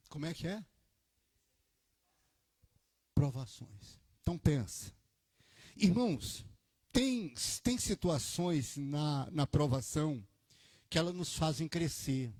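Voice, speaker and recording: A man preaches in a lively storytelling manner. He drops into quiet asides and then climbs to loud, emphatic peaks. The sound is dry and close, with little room echo. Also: on the high side, slow pace, pauses often. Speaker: pastor. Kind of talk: sermon with storytelling. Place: church.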